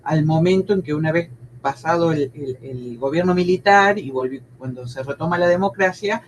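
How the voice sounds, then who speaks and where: A woman in her sixties from Argentina with a Buenos Aires province accent, a history teacher speaking as an interview guest and recalling her schooling, often pausing with fillers and restarting. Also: low voice, slight background noise, rough recording. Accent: Argentine Spanish, Buenos Aires province. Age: 60s. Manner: hesitant, many fillers and restarts. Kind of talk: conversational interview.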